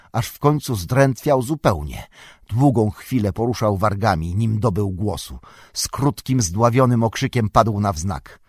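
A man reads an audiobook in a measured, even way. His voice is low and his pace is very slow. The recording is dry and close, with no room echo. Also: slightly rough. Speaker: narrator. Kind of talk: audiobook narration.

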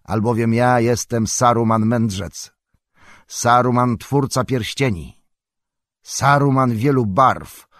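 A man reading an audiobook who voices a proud, scornful old male wizard lord, speaking slowly and grandly, as if declaiming. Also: mid-range voice, a bit bright, no echo, clean studio sound, voice pushed up.

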